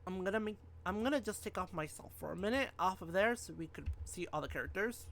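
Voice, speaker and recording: Streamer reading game dialogue out loud, lively up-and-down voice, chatty asides, stumbles and rereads. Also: medium pitch, quick pace. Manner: reads story text aloud, stumbles and rereads. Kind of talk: live game playthrough, reading dialogue aloud.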